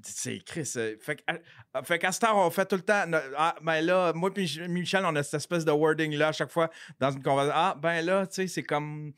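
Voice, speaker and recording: Québécois male guest, loose rambling talker with plenty of swearing, slightly high pitch, close and dry. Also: a little fast, a bit bright, clear, resonant tone, no room sound. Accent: Québécois French. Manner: rambling, swears freely, mixes in English phrases. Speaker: podcast guest. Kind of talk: casual chat.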